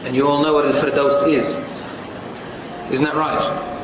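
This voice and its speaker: A man delivers an Islamic sermon in a solemn, emphatic preacher's manner, placing deliberate pauses between phrases. His voice sits slightly high for a man. The recording is heavily reverberant, as in a large hall, with clear background noise. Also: little pitch movement, lo-fi sound. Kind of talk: sermon to a live congregation. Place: large echoing room before an audience.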